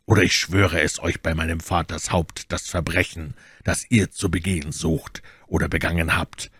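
A man's voice: low voice, steady tone, fairly bright tone, breathy edge, no room sound, studio quality. A man reading a coldly menacing nobleman. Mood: threatening. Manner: slow, measured, threatening. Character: stern cold nobleman, adult, menacing calm. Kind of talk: audiobook character voice.

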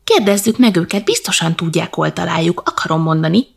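A woman's voice: on the low side, lively intonation, vocal fry, husky, exaggerated voice. A woman voicing a curious, brave little boy in a children's storybook. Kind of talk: storybook character voice.

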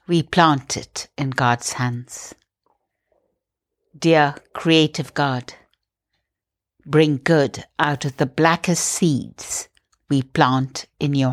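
Low calm woman leading a breathing prayer, takes it real slow. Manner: slow, soft, calm guiding. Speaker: meditation host. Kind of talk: guided prayer meditation.

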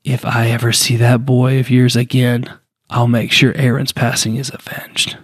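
A man's voice: medium pitch, normal speed, husky, dry recording, clean studio sound, natural voice. A man voicing a vengeful, grieving older male city leader who speaks harshly and hisses threats. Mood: menacing whisper. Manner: harsh, accusing, hissing threats.

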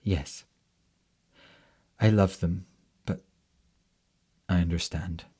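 A storyteller voicing a hoarse, sorrowful young woman speaking quietly. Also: low voice, fairly even intonation, very slow, full character voice.

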